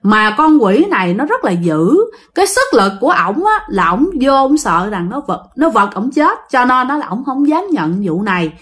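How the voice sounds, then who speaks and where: A woman's voice: on the high side, big pitch swings, normal speed, a bit bright. A woman telling a ghost story in a chatty way, talking straight to her listeners.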